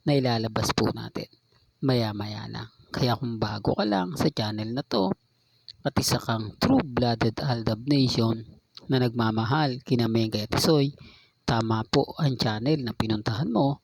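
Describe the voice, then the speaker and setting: A man's voice: medium pitch, creaky, slight background noise, rough recording. A man hosting his own fan channel, giving casual update talk straight to his viewers in a polite, insistent way.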